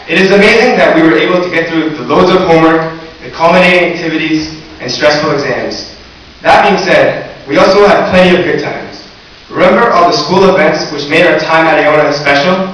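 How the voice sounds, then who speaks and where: A teenage valedictorian speaks briskly at graduation, his voice a bit bright and a little high for a man, mixing earnestness with light humor. He's captured from far back in the audience in a very echoey large hall or gym, with faint hiss.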